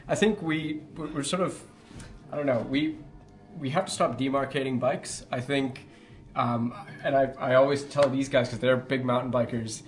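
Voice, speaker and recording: A man's voice: medium pitch, steady tone, moderate pace. A man from Northumberland with a local accent, chatting in a casual interview as a bike hire centre worker, often searching for his words. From Northumberland, England.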